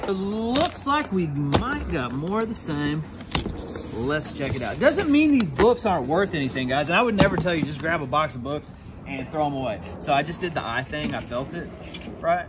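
Animated man unboxing outdoors. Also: on the high side, normal speed. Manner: chatty, animated, jokey asides. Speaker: storage unit vlogger. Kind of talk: casual unboxing chat to camera. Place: outdoors at storage units. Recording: outdoor recording with clear background noise.

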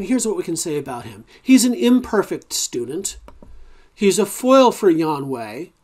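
A man's voice: high voice, a little mellow. Man giving a casual, wry lecture. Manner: conversational, many fillers and restarts; wry, informal asides. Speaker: college ethics instructor. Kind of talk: recorded lecture.

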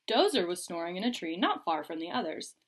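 Lively woman reading a storybook aloud. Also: fairly low pitch, brisk, a little hiss or hum.

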